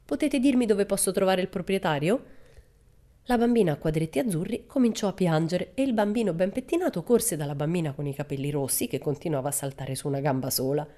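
A woman narrating a children's storybook in a measured, expressive way. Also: deep voice. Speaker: audiobook narrator. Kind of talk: storybook reading.

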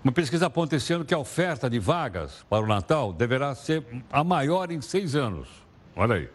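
A man's voice: mid-range voice, very animated, brisk. Chatty man presenting the news. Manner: chatty, asks viewers rhetorical questions. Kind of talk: casual news commentary.

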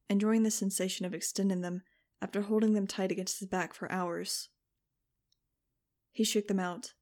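Woman reading a novel, steady and flat, mid pitch. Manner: steady, even storytelling. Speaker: audiobook narrator. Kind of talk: scripted narration.

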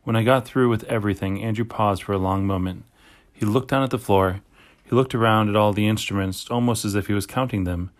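A man narrating a children's chapter book aloud, telling the story in the first person. His voice sits on the lower side. The storytelling is steady and plain. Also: fairly quick. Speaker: audiobook narrator.

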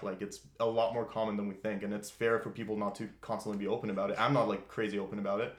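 A man's voice: fairly low pitch, level tone, very fast. A man in his twenties from Austria, hosting a podcast and talking loosely and candidly. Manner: loose and candid, lots of "like" and swearing. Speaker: podcast host. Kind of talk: casual podcast chat. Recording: echoey room.

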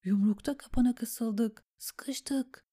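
A woman's voice: a little high, a little slow, warm tone, pitched above the performer's own voice. A woman voicing a frightened young man writing messages in battle, tense and half-whispered. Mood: anxious.

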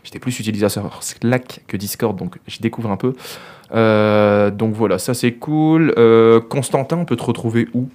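A man's voice: fairly low pitch, fairly even intonation, moderate pace, darkish tone. Teasing man co-hosting a podcast. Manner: joking, teasing, wraps up the show. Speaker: podcast co-host. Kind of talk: casual podcast chat.

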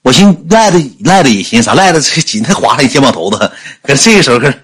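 A man's voice: medium pitch, quick pace, slightly rough. A man with a Northeastern Chinese accent telling a funny anecdote on a livestream and acting out the people in it. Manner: animated, acts out the people in his story. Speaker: storyteller. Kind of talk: comic anecdote storytelling on a livestream.

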